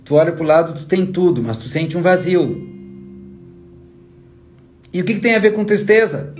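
A high-pitched man, speaking with emphasis and firing rhetorical questions straight at the listener. He delivers a motivational talk as a trainer. A soft guitar plays faintly behind him. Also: lively intonation, moderate pace. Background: faint guitar music.

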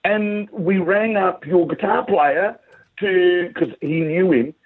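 A middle-aged man with a broad Australian accent tells stories casually in an interview, acting out what people said. His voice is husky and a little high for a man. It comes through a thin, dry phone-like line. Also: slow, no room sound. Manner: animated storytelling, acts out quoted remarks. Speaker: singer, interview guest. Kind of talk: casual anecdotal interview chat.

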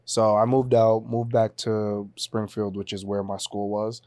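A man in his twenties from Haiti talks as a podcast guest, telling his story with an easy, relaxed flow. His voice sits low and sounds dry and close, with no room around it. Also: measured pace, no room sound. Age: 20s. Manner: relaxed, storytelling, laughs easily. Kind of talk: casual podcast chat.

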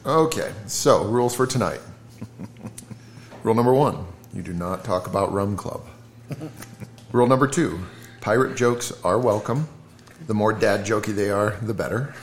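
A man co-hosting a casual podcast, setting out the evening's plans in a dry, deadpan way. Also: on the low side, moderate pace, pauses often, slight background noise. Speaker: podcast co-host. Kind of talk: casual chat.

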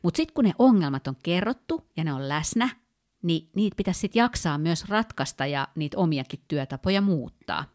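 Low-voiced woman explaining things thoughtfully. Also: lively intonation, a little mellow. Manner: thoughtful, with frequent fillers and restarts; explanatory, walks through work examples. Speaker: podcast co-host. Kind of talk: casual conversational podcast.

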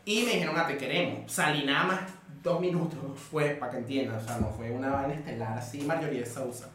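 A Venezuelan man, a podcast guest, telling stories in a lively, slangy, laughing way. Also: mid-range voice, fast, recorded from a distance, a little hiss or hum. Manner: animated storytelling, laughing, slangy. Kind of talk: casual chat. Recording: echoey room, off-mic, chatter behind.

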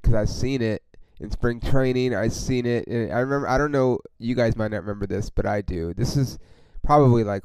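A man's voice: fairly low pitch, darkish tone, clear, resonant tone, no room sound, rough recording. A man hosting a casual solo sports podcast, rambling and swearing with lots of fillers as a frustrated fan. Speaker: podcast host.

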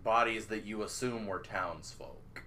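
A man narrating as game master of a tabletop role-playing game, describing scenes in a measured, drawn-out way. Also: lowish voice, bright, forceful tone, slight background noise.

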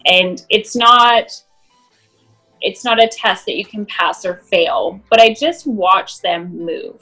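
In a rough recording, a woman with a mid-range, somewhat bright voice speaks as an interview guest. She's a movement specialist, explaining her approach earnestly and conversationally.

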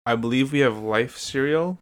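A man's voice: medium pitch, normal speed. A young Canadian man co-hosting a casual podcast, giggling and restarting his sentences. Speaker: podcast co-host. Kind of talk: casual chat.

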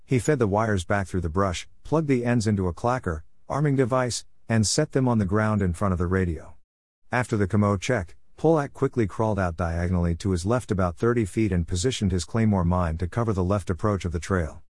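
Deep-voiced man narrating, dry close mic. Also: dry recording. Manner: measured, steady storytelling. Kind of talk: scripted audiobook narration.

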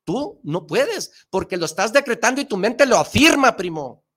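A man hosting a motivational talk show, speaking emphatically with slangy rhetorical questions and bursts of excitement. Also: sits high, normal speed.

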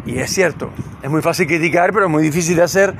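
Cuban-born man, gravelly podcast monologue. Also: fairly high pitch, quick pace, background noise. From Cuba. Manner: rambling, loose and conversational. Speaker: podcast host. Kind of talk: improvised monologue while walking. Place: outdoors on a city street at dusk. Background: passing cars.

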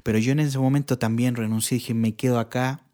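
A man from Chile, a church bass player, telling his testimony in a relaxed chat and acting out the people he quotes. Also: brisk. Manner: animated, acts out the people he quotes. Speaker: guest sharing his testimony. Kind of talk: casual storytelling.

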